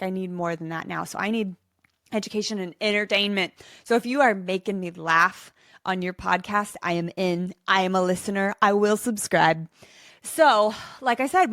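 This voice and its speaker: A chatty woman hosts her own podcast, talking in a bubbly, excited rush full of little asides. Her voice sits at an ordinary middle pitch. The recording is close and dry, with no room sound. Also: no room sound. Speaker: podcast host. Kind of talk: solo podcast chat.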